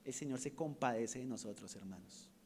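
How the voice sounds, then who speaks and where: A man preaching a sermon to a congregation, asking rhetorical questions and swinging between loud emphasis and hushed asides. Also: medium pitch, a little fast, slight background noise.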